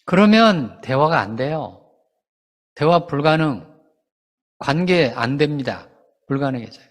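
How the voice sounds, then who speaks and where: A man's voice: fairly high pitch, unhurried. A man preaching as a pastor, talking in a conversational way with rhetorical questions and briefly acting out quoted people. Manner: animated, acts out quoted parents and children. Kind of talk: sermon. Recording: long hall reverb.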